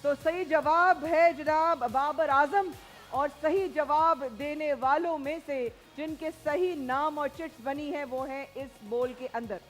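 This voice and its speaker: A woman with a high voice hosts a prize show on a TV studio set. She talks in a lively way, slipping English phrases in as she directs her guests, with faint music playing behind her. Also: slow. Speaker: game show host.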